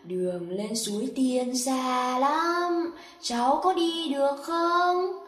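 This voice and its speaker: Woman doing a soft-spoken kindly fairy. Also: high-pitched, roomy sound, distant mic. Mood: gentle. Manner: soft, hushed and slow.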